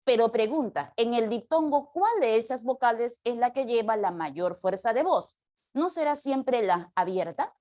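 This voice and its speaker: A woman's voice: on the high side, lively intonation, unhurried, a little mellow. A woman teaching a grammar class, explaining step by step and asking the students questions. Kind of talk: classroom lecture.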